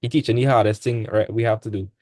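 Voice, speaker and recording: A man's voice: fairly low pitch, fairly even intonation, fast talker, warm tone, no room sound. A young man, tutoring maths in a casual online class. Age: young adult. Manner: casual, laid-back teaching with dialect speech. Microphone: video call.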